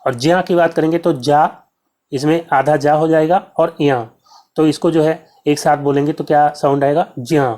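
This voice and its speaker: A man teaching an exam-prep grammar lesson. He explains step by step, asks a question and answers it himself, and says each sound slowly to show how it is pronounced. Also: on the high side, steady tone, darkish tone.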